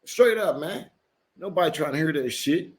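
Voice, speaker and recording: A man's voice: on the high side, lively intonation, normal speed. A man giving casual reaction commentary in a blunt, profane, heated way.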